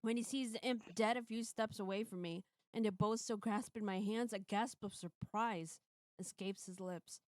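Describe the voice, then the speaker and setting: A woman streamer dramatically reads a visual novel's first-person narration, playfully breaking off for casual asides. Her mid-range voice is steady and a little mellow, at a normal speed. The recording has no room sound.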